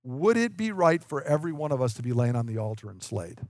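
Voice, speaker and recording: A man preaching a sermon as pastor, earnest, slowing down for emphasis and acting out the dialogue he quotes. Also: mid-range voice, big pitch swings, darkish tone, dry recording.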